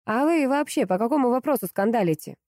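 A defiant police captain, officious and challenging, as a woman narrator puts him on. Mellow tone, dry close recording. Audiobook character reading. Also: on the high side, lively intonation, fast talker, no room sound, pitched above the performer's own voice, close to an everyday voice.

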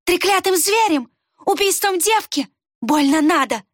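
A woman's voice: high-pitched, animated, extremely slow, no room sound, studio quality, voice pushed up, heavily acted. A woman reading an audiobook voices a cunning female fox killer who speaks venomously and sneers. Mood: venomous fury. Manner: hissing, spiteful, sneering.

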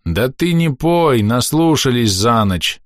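A man's voice: mid-range voice, very animated, normal speed, dry recording, studio quality, voice pushed up. A man playing a grumpy, sarcastic older brother, a peasant man complaining from his bunk. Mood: grumbling. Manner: grumbling, sarcastic.

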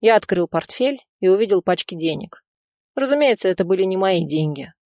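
A woman reading a first-person audiobook in an even, steady storytelling manner. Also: medium pitch, fairly quick, no echo, studio quality. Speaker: audiobook reader.

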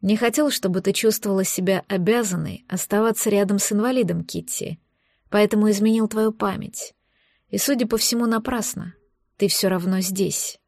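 A woman voicing a blind, wounded male elf in an audiobook, speaking softly, slowly and tenderly. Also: sits high, gravelly, dry recording, studio quality. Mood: weary. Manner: soft, slow, tender.

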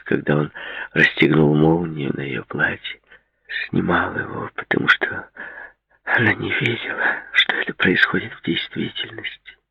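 A man narrating an audiobook in a measured, even reading. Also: low voice, vocal fry, slightly rough, dry recording, lo-fi sound. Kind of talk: scripted narration.

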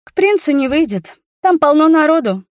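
An impulsive, excitable young woman, as a woman reader puts her on, her voice pitched high and bursting with eager exclamations. She teases and insists with quick energy. The reading is recorded close and dry. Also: no echo. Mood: insistent. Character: lively, impulsive young woman friend, troubled by nightmares. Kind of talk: audiobook character voice.

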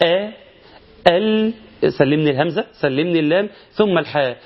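A man with an Egyptian accent teaching Quran recitation, explaining common mistakes and chanting the verses slowly to show them. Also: on the high side, lively intonation. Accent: Egyptian Arabic. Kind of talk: recitation lesson. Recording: dull lo-fi recording.

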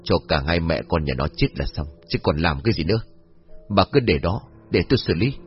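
A man voicing a violent, thuggish middle-aged husband with a gruff, menacing growl. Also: deep voice, animated, fairly quick. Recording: dull lo-fi audio with faint music.

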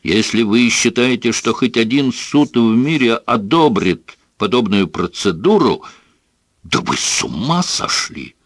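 A man voicing a furious, bullying middle-aged father in an audiobook, shouting and scornful. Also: medium pitch, expressive, unhurried, dry recording, clean studio sound, pitched above the performer's own voice. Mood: enraged. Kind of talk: audiobook character voice.

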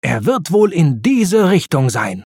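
A man voicing a slow, friendly tow truck in a storybook, drawling his words. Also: on the high side, big pitch swings, darkish tone, husky, no room sound, clean studio sound, pitched above the performer's own voice, exaggerated voice. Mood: easygoing. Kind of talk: storybook reading.

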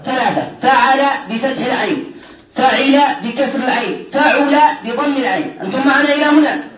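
High-voiced man teaching in an echoey room. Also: fairly quick, a crowd in the background. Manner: keeps quizzing students and checking they follow. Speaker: teacher of Arabic grammar. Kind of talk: classroom lecture. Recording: echoey room, mic far off.

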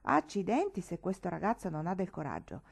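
A woman reading an audiobook, voicing a coarse, jovial middle-aged country uncle who laughs loudly and mocks. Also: fairly low pitch, sing-song, a little fast, creaky, husky, exaggerated voice. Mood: mocking glee.

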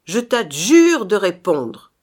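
A woman's voice: mid-range voice, very animated, slow pace, a little mellow. A woman voicing a stern young man, a holy avenger, in an audiobook, solemn and commanding. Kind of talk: audiobook reading.

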